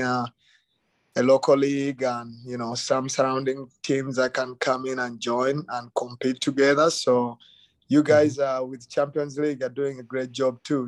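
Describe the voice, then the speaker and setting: Middle-aged Ugandan-born man, easygoing guest, dry close mic, mid pitch. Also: no room sound. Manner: relaxed, many fillers like "you know" and "um". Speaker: youth soccer academy director, guest. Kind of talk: casual interview.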